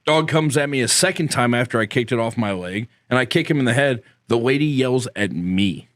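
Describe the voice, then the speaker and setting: A man's voice: medium pitch, lively intonation, a little fast, no echo. A man co-hosting a podcast, a laid-back, self-mocking storyteller on a close mic. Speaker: podcast co-host. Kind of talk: casual chat, anecdotes.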